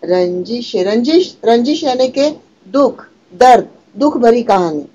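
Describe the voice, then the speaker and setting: A woman's voice: fairly high pitch, expressive, dark tone, highs cut off. A woman teaching an online language class, patiently explaining and repeating key words, often asking a question and answering it herself. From Maharashtra, India. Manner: chants meter and recites verse lines slowly. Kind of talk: online Hindi class lecture.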